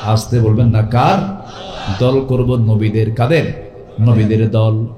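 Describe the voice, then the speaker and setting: A man with a Bangladeshi Bengali accent preaching a waz sermon. He calls on the crowd to answer loudly, rises to sudden high shouted climaxes and chants Quran verses in a sung style. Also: flat delivery, slow, roomy sound.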